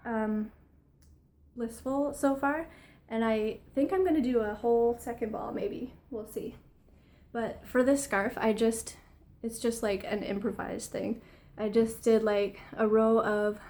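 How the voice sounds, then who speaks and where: A young woman chatting casually in a show-and-tell vlog, a little out of breath and excitable, with frequent ums. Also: fairly high pitch. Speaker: crochet vlogger. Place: home room lit by daylight.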